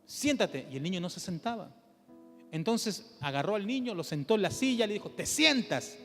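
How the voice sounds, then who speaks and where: High-voiced Chilean pastor preaching in church. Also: male voice, brisk, big-room sound, faint music behind. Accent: Chilean Spanish. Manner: animated preaching with rhetorical questions, drops to a soft low voice for emphasis. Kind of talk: sermon.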